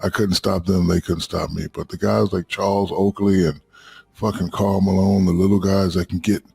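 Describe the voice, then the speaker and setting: Man, 50s, gravelly low voice, profane, relaxed storytelling guest. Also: normal speed, dry recording. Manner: swears freely, loose rambling anecdotes. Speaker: podcast guest. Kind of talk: casual storytelling.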